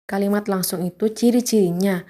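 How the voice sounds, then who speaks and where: A woman teacher explaining a class lesson step by step, often pausing on "nah" and reading examples aloud. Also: mid-range voice, dark tone.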